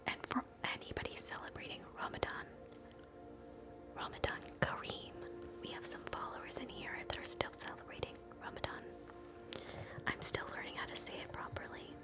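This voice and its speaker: A woman whispering softly through an ASMR scalp-exam role play, chatting gently with live viewers between slow steps. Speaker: ASMR livestream host.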